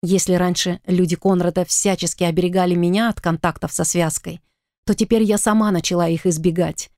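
A woman giving steady first-person audiobook narration. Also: on the low side, brisk, no room sound, studio quality.

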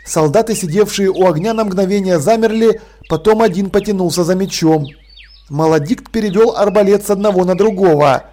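A man with a notably high voice narrates a story in a measured, deadpan manner. His reading stays even and dry, like a calm audiobook. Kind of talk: scripted narration.

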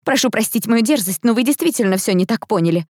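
A woman reading an audiobook, voicing a nervous young woman with a trembling, hurried voice. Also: a little high, expressive, darkish tone, slightly rough, dry recording, clean studio sound, pitched above the performer's own voice. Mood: pleading.

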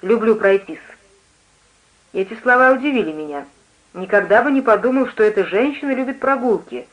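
A woman reading a first-person novel aloud, in an even, measured way. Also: on the high side, poor audio. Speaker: audiobook reader. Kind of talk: first-person literary narration.

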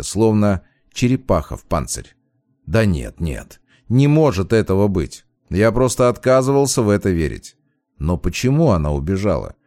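A man narrating a first-person audiobook in a measured, dramatic way. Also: fairly low pitch, darkish tone, no room sound, clean studio sound.

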